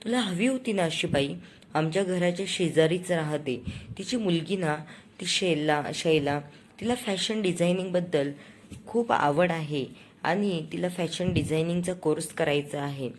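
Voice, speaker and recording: A woman with a low voice and a Marathi accent recaps a TV serial in a relaxed, chatty way. She slips into the characters' lines with a lifted voice. A faint hiss of background noise sits under her. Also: unhurried. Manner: acts out characters' lines in quotes with raised pitch. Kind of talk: casual retelling of a TV serial episode.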